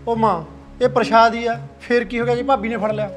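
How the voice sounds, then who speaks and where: A man's voice: very high-pitched, level tone, fast, faint music behind. A man playing a young son who defends his widowed sister-in-law against his family in a short film. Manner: protective, arguing.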